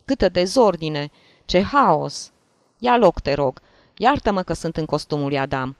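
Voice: mid-range voice, expressive, no echo, natural voice. A reader doing a coarse, blustering rich man. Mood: gruff. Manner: gruff and brusque, shouting at a child. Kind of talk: audiobook reading of a classic story.

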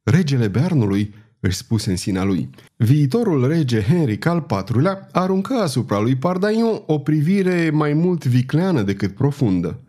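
Male audiobook narrator, measured storytelling, lively intonation, warm tone. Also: a little high. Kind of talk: scripted narration of a historical novel.

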